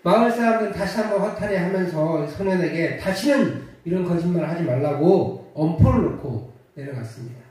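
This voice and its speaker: A man's voice: sits high, expressive, a little fast, hardly any pauses, a little mellow. A male pastor preaching a sermon, telling a story with frequent hesitations. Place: church sanctuary. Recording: echoey church hall, mic at a distance.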